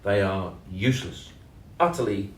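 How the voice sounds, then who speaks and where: A man co-hosting a casual podcast, speaking in a measured, hesitant way with many ums and leaning hard on key words. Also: lowish voice, faint music behind. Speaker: podcast co-host and sales trainer. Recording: roomy echo, mic at a distance.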